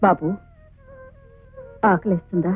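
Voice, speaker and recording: An actress playing a poor, sorrowful mother who talks softly and tearfully to her young son. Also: on the low side, steady tone, takes it slowly, slightly rough, full character voice. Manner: soft, tearful and gentle. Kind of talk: 1980s film drama. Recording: tinny lo-fi film soundtrack with faint music.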